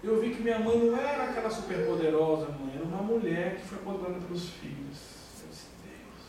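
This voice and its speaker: A man's voice: high-pitched, fast talker, mellow. A man with a Brazilian Portuguese accent, a pastor giving an emotional testimony sermon and acting out the dialogue as he tells it. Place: church hall. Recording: very echoey hall, far from mic, faint hiss.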